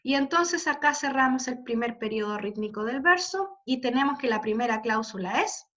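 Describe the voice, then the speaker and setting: A woman teaches a class over a video call, her voice high and bright. She patiently works through each example and keeps checking that her students follow. The audio is dull and lo-fi. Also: lively intonation, normal speed. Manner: checks in constantly with tag questions. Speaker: literature teacher. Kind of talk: online class lecture.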